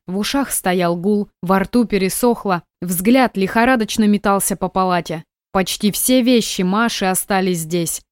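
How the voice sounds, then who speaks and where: Woman audiobook narrator, mid pitch, dry close studio sound. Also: darkish tone, no room sound.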